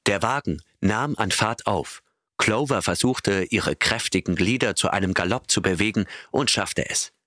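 A man reading an audiobook in a steady, measured narration. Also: lowish voice, no room sound, studio quality. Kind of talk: scripted narration.

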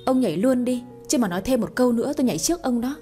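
A woman voicing a sharp-tongued middle-aged wife in a read-aloud comic story. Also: medium pitch, brisk, soft background music, lightly acted. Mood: shrieking. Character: middle-aged wife, tearful then shrill.

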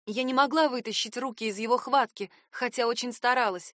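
A woman's voice: fairly high pitch, a little fast, fairly bright tone, no echo, clean studio sound. A woman narrating a first-person audiobook in a tense, dramatic reading.

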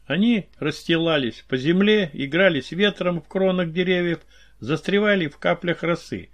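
A man reading scripted audiobook narration in a calm, descriptive way. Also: sits high, moderate pace.

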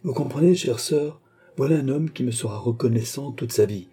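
A man's voice: mid-range voice, normal speed, mellow, husky. A man reading an audiobook voicing a witty young prince who banters and teases. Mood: bantering.

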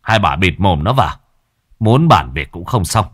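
A man doing a gruff scolding old man. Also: sits low, big pitch swings, normal speed, a bit bright, no room sound, clean studio sound, heavily acted. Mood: irritated scolding.

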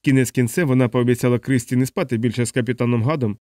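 Male narrator, fast expressive reading, dry close studio sound. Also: mid-range voice, no room sound. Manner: brisk, expressive storytelling. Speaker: audiobook narrator. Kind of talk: scripted narration.

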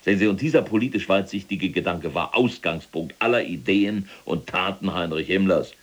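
For a German audio drama, a mature, self-justifying SS general in prison speaks in monologue and argument. His very low voice has a husky rasp, and he lectures pompously at normal speed, fanatical and bristling when contradicted.

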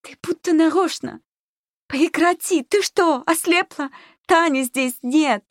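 Woman playing a shrieking terrified girl, very high and shrill, dry sound. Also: takes it slowly, dry recording. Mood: hysterical. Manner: shrill, screaming.

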